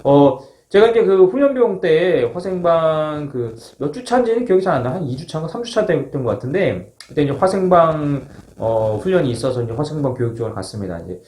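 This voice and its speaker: Animated man telling stories in echoey room. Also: a little high, a little fast. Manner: animated, acts out shouts, polite formal endings. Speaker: storyteller, former marine. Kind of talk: casual first-person storytelling. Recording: roomy, echoing sound.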